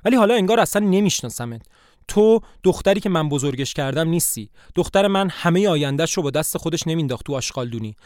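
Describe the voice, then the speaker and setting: A man voicing an angry, hurt middle-aged mother who reproaches her daughter in fast, rising sentences, in a story reading of a play. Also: fairly high pitch, lively intonation, a little mellow, no room sound, studio quality, natural voice. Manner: reproachful, rapid.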